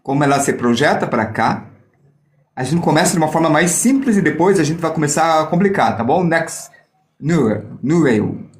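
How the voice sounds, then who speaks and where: A man's voice: on the high side, expressive, moderate pace. A man teaching a drawing lesson on reflections, explaining step by step and joking with viewers as he demonstrates with a mirror. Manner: playful, jokes with viewers while demonstrating. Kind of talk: live online art lesson.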